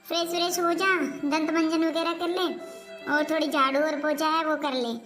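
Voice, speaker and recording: Complaining high-pitched woman in a skit. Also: flat delivery, moderate pace, a bit bright, soft background music. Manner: complaining, aggrieved, nagging. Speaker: elder daughter-in-law in a family skit. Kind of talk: scripted family skit acting.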